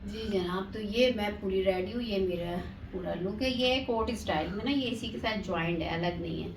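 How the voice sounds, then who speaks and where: Here a woman at medium pitch and normal speed chats to viewers she calls "janab," filming herself on a phone for her family vlog. Scenes are at home and at a family birthday party, and there's a little hiss or hum on the recording.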